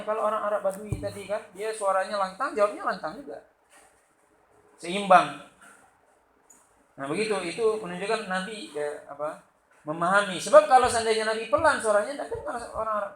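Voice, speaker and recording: A man from Sumatra with a Sumatran Indonesian accent, giving a loud, lively religious lecture and acting out the quotes in his stories. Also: high voice. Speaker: religious teacher. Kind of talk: study-circle lecture. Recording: echoey room with faint background noise.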